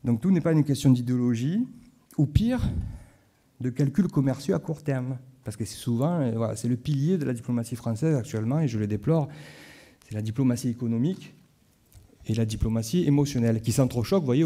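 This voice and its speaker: Dark-voiced man with a Marseille accent. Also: medium pitch, a little fast. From Marseille, France. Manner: conversational, asides to the audience. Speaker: conference speaker. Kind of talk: conference talk. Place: conference hall.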